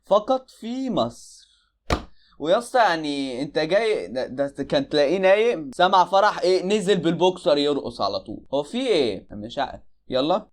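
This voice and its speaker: A man's voice: on the high side, big pitch swings, moderate pace. A man with an Egyptian accent giving casual, joking reaction commentary on videos, exclaiming in disbelief.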